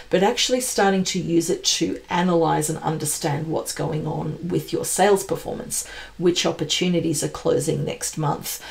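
A woman in her forties with a low-pitched voice and audible vocal fry. She's a tech channel presenter with a pre-sales background, giving an enthusiastic, conversational, and emphatic rundown of product announcements.

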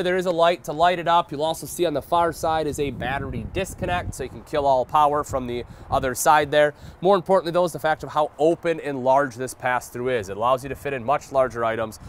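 Standing in an outdoor paved RV lot between parked trailers, an American man in his thirties presents a sales walkthrough review, explaining the product and addressing viewers directly in a folksy manner. He speaks fairly quickly at medium pitch, with slight background noise.

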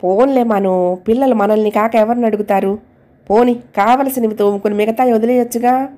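A woman voicing a calm, patient middle-aged husband who speaks gently. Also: on the high side, a little fast, close to an everyday voice. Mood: soothing. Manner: gentle, soothing.

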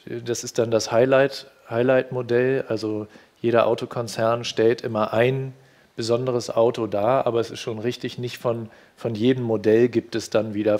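A man's voice: mid-range voice, a little mellow. A man in his fifties describing what he filmed at a car fair, talking hesitantly with many restarts and fillers, on a headset mic in a TV studio. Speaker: reporter recounting a car fair visit. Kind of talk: studio discussion.

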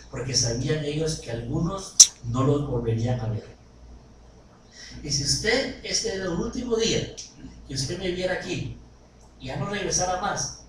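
A man preaching a sermon, animated and often asking his congregation questions. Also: on the high side, unhurried. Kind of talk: sermon with anecdotes and jokes. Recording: echoey hall recorded from far off, noisy.

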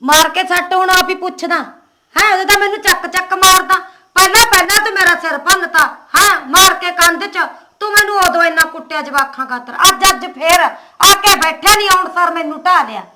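A woman playing a sharp-tongued, quarrelsome village wife in a homemade comedy drama. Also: very high voice, fairly quick, noisy background. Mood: angry.

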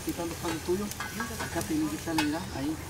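A man's voice: on the high side, flat delivery, quick pace. A young man with a Guatemalan accent, teasing friends and chatting to viewers while cooking outdoors. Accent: Guatemalan Spanish. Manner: teasing, playful, talks to viewers. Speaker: vlogger cooking at a tamale contest. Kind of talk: casual joking banter. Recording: loud frying and sizzling noise.

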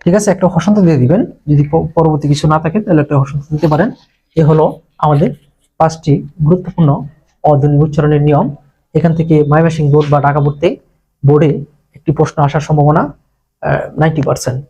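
Husky Bangladeshi male teacher. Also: on the high side, fairly even intonation, mellow. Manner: slow, repetitive, breaks words into syllables. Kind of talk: exam-prep lesson. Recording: dull lo-fi recording.

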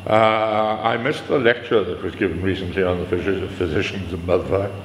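A man's voice: sits low, fairly even intonation, normal speed, crowd noise. Older man in a roomy echoing hall. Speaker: interviewee. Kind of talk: casual interview.

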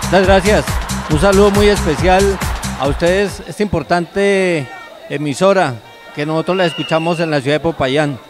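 A middle-aged Colombian man gives a formal interview outdoors in a politician's style. His voice sits high, with faint music behind it. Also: normal speed. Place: outdoors beside a football pitch. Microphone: handheld reporter microphone held to him.

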